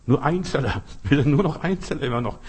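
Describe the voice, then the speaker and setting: A man preaching with a husky, slightly breathy voice. He talks straight to the listener, leaning hard on repeated phrases and pointed asides. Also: medium pitch, expressive, fast. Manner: direct, addresses listener as du, emphatic repetitions. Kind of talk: sermon.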